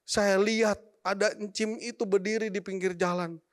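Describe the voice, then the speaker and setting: A man, telling his testimony in church as an animated storyteller who addresses the congregation directly. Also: high voice, normal speed. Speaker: testimony speaker.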